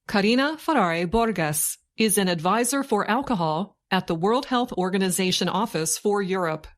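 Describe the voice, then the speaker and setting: A woman narrates a scripted news report for learners slowly and deliberately, in short phrases with pauses, like a dictation. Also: medium pitch. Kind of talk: slow scripted learning-English news reading.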